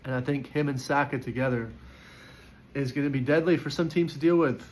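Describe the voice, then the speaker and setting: A man's voice: mid-range voice, a little fast, a little mellow, rough recording. A man giving casual, opinionated football player ratings in a chatty way, with frequent fillers and restarts. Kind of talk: casual post-match reaction.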